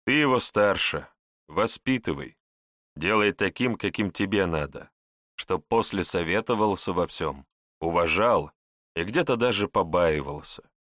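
Calm lecturing prince in an audiobook, read by a man, low voice, slow, dry sound. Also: dry recording. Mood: instructive. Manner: instructive, wry. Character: young prince, calm and instructive.

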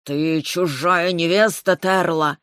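A woman's voice: low-pitched, normal speed, no echo, clean studio sound, lightly acted. Woman doing a stern male dragon. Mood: angry.

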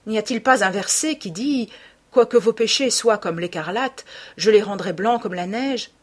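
A woman's voice: medium pitch, moderate pace, voice pushed up, lightly acted. A woman reading an audiobook voices a distraught middle-aged male painter, speaking in an anguished, emphatic way.

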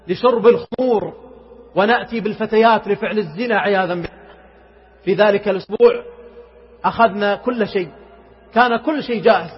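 A man's voice: high-pitched, husky. A man preaching an emotional sermon, telling a story dramatically and pleading with passion, sometimes chanting verses melodically, on a muffled recording. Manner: dramatic, rises to impassioned pleading. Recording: muffled recording with long hall reverb.

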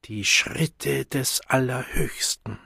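An unearthly ceremonial voice from a storybook, put on by a male reader, solemn and hypnotic. It stretches its words out very slowly and slips into breathy whispers. The recording is close and dry. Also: mid-range voice, dark tone, no echo, heavily acted. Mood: whispering. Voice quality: slow, drawn-out and swelling from whisper to trumpeting. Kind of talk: audiobook reading.

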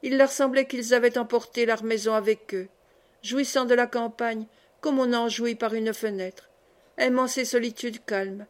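A woman narrating a classic novel as an audiobook in a measured, gentle storytelling manner. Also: fairly high pitch, steady tone. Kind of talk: literary audiobook reading.

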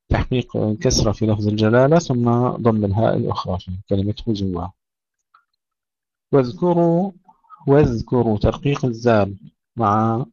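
A man teaching Quran recitation rules, reciting verse phrases slowly, then explaining them briskly. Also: on the low side, warm tone, dry recording. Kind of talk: tajweed lesson. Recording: dull lo-fi, dry sound.

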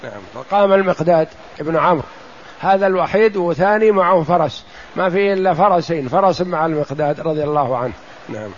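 A man teaches from a religious text with a fairly high voice, slowing to repeat and stress key words. The recording sounds dull and lo-fi. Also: a little hiss or hum. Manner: explains slowly, repeats phrases and says "yes" to cue the reader. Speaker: sheikh explaining a text. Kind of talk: religious lesson commentary.

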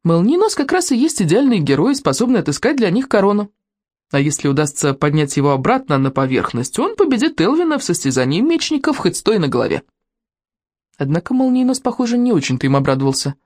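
A woman narrating an audiobook in an expressive storytelling manner. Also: on the low side, fast talker, no echo, studio quality. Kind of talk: scripted narration.

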